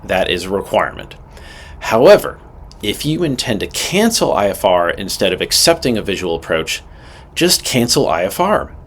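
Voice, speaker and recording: An instructor presenting a pilot training video delivers a scripted lesson in a fairly low voice, direct and matter-of-fact, stressing his key points. His pitch swings widely and his pace is moderate.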